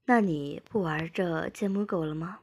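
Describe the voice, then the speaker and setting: A woman voicing a dominant young man who speaks in a teasing, controlling way, with her own breathy, husky tone. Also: lowish voice, moderate pace, a little mellow.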